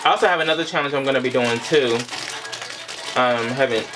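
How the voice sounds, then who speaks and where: A man's voice: mid-range voice, a little fast, over music, rough recording. A young man chatting casually to camera as a vlogger, informal and full of playful asides. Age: young adult. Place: small indoor room.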